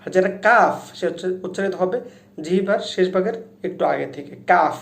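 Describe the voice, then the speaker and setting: A man teaching Quran recitation step by step, explaining how each letter is said before chanting each verse slowly and loudly. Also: sits high, vocal fry. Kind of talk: slow step-by-step recitation lesson. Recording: echoey room.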